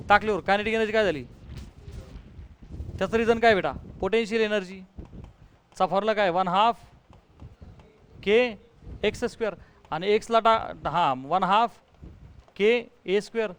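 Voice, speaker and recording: Faint traffic hums behind this physics teacher, a high-voiced man with a Marathi accent and a fairly bright tone. He drills his class with quick-fire questions, repeatedly urging the students to answer fast and addressing them as "beta."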